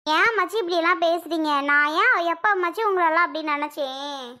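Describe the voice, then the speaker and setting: A woman's voice: very high-pitched, brisk, pushed and bright. A woman voicing a young daughter-in-law in a cartoon, coaxing and questioning. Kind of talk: animated cartoon voice acting.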